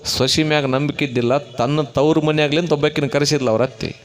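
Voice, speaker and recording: Man, swami, North Karnataka accent, high pitch, humorous storytelling sermon, temple hall. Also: a little fast. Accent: North Karnataka Kannada. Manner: animated, quizzes the audience. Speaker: swami giving a religious discourse.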